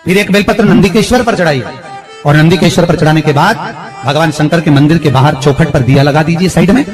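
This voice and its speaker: A man with a fairly high voice preaches a devotional sermon, telling his listeners step by step what to do. He speaks to them directly, and soft music plays faintly behind him. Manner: instructive, addresses listeners directly.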